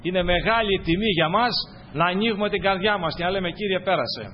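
Man, preacher, high-pitched, fervent repetitive sermon, muffled lo-fi sound. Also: a little hiss or hum. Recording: dull lo-fi recording.

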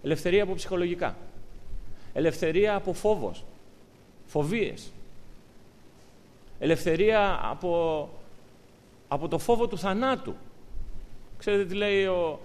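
A man preaching a sermon to his congregation, talking with lively, emphatic rises. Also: high-pitched, long pauses. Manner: animated, rising to emphatic peaks. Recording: long hall reverb.

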